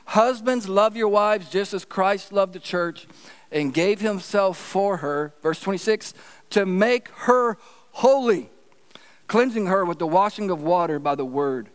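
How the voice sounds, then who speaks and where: A pastor preaching with earnest, emphatic repetition. His voice sits high for a man, and it rings out with a long reverb as if he stands in a large church hall. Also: lively intonation, unhurried, clean tone. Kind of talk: sermon.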